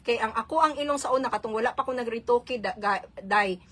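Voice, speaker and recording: Chatty Filipina with a Visayan accent. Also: female voice, a little high, brisk, fairly bright tone. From Philippines. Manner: chatty, laughs often, mixes Tagalog, Cebuano and English. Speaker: vlogger on a live stream. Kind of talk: casual live-stream chat.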